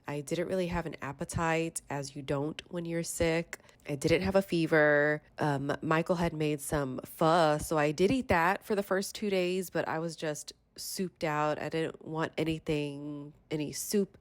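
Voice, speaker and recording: Woman, 30s, stuffy nose, deep voice, chatty, dry close mic. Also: no room sound. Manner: chatty, rambling storytelling. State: stuffy, congested. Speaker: vlogger. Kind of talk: casual voiceover chat.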